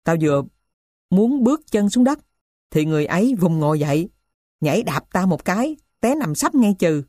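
A woman voicing a poor middle-aged male thief who tells his story in a rough, blunt way. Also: lowish voice, big pitch swings, normal speed, warm tone, no room sound, clean studio sound. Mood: gruff.

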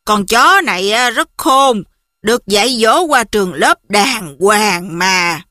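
A woman's voice: mid-range voice, animated, takes it slowly, no echo, clean studio sound. A woman doing a kindly old man. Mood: coaxing. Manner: gentle, coaxing. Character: kindly elderly man, a school guard.

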